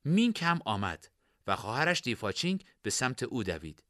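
A man narrating a fantasy story in expressive storytelling style. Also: medium pitch, dry recording, studio quality.

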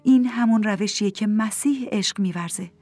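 A calm, wise woman who presses her questions in a soft, gentle voice, played by the audiobook's reader. Her tone is patient and mid-pitched over faint music. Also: no echo, close to an everyday voice. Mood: tender. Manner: gentle, probing, soft-spoken. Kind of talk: audiobook character voice.

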